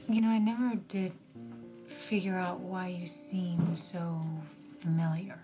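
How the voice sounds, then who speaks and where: A gentle woman in a TV soap drama, reluctant to say goodbye. Her voice is on the low side, and she hesitates and lets phrases trail away, with music underneath. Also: level tone, takes it slowly. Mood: reluctant, wistful. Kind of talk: naturalistic TV soap drama acting.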